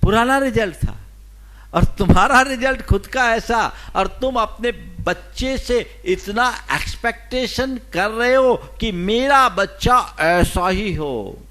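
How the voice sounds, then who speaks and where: A man who is a Jain monk, preaching slowly and emphatically, his voice swinging between loud and soft. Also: sits high, lively intonation. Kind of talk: sermon.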